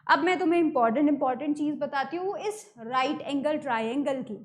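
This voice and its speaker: A woman's voice: sits high, fairly quick, slight background noise. An Indian woman teaching an online math lesson, explaining step by step and repeating key terms, mixing English words into her talk. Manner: mixes English terms into Hindi.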